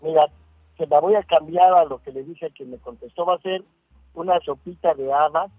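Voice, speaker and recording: A middle-aged man phones in to a radio show, trading jokes and wordplay with the hosts. His voice comes through a narrow, tinny phone line with a dry, close sound. He sits a bit high in pitch for a man. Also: moderate pace, husky, no room sound, faint music behind. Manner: joking, playful wordplay. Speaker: caller. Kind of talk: call-in chat on radio.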